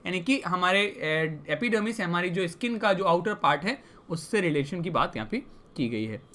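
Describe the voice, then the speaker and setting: Bright-voiced woman teaching vocabulary. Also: medium pitch. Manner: explains each word, then asks students rhetorical questions. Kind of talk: vocabulary lesson in Hindi and English.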